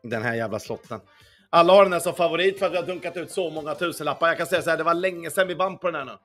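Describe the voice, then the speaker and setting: A man's voice: fairly high pitch, sharp tone. Young man streaming, chatty, swearing. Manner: swears a lot and hums along to the music; answers viewer chat as he plays. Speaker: casino streamer. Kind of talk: casual livestream chat. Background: faint music.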